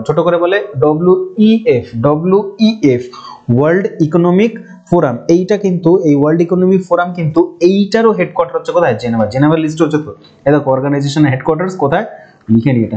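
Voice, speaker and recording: A man's voice: on the high side, mellow. Man teaching exam facts, lo-fi. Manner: chatty, repeats key terms, mixes in English words. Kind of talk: exam-prep lecture. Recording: dull lo-fi sound.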